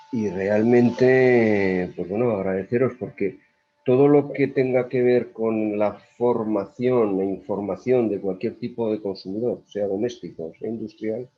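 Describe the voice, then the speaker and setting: Over a video call with dull lo-fi audio, an energy company executive with a Spanish accent takes part in a panel debate. His voice is lowish and warm, and he sounds hesitant, often repeating his words.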